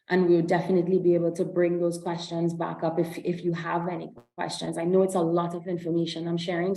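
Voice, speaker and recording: Woman webinar presenter from Trinidad and Tobago, low and slightly gravelly, on a video call from a roomy space. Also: a little mellow. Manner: explanatory, with frequent um and self-corrections. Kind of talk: online presentation walking through slides.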